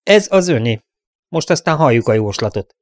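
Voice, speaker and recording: A man puts on a stern older nobleman whose questions come firm and curt. His voice sits slightly above the narrator's low tone. The recording is dry and close. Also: animated, no room sound, close to an everyday voice. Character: stern older male lord, uneasy.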